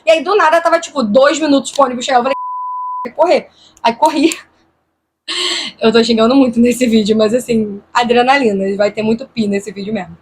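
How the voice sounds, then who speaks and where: A woman's voice: on the high side, a little fast, a little hiss or hum. A woman vlogger from Brazil, casually and tensely retelling a frightening night to camera, voicing her own thoughts as she goes. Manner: animated, tense retelling with quoted inner thoughts.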